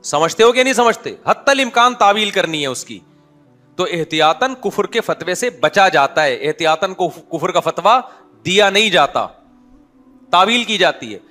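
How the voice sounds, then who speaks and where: Bright-voiced man giving a chatty religious talk. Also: high-pitched, expressive, soft background music. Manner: chatty, humorous, keeps asking listeners if they follow. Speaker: Islamic scholar. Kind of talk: conversational religious talk with anecdotes.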